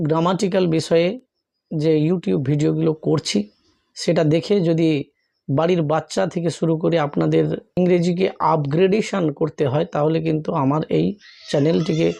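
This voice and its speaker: A man with a Bengali accent teaching an English grammar lesson, spelling out syllables slowly letter by letter. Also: a little high, creaky, mellow.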